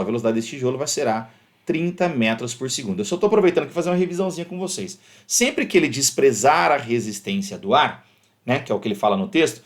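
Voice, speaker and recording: A man with a Brazilian Portuguese accent, a physics teacher explaining exam problems in a video lesson, lively and animated, acting out little scenes. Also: mid-range voice. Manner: lively, animated, acts out shouts in the example.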